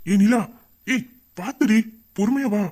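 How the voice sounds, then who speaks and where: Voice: medium pitch, a little slow, darkish tone, lightly acted. A performer voicing a teasing young man, a bossy boss and doting suitor, in an audio drama. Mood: caring. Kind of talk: Tamil audio drama acting.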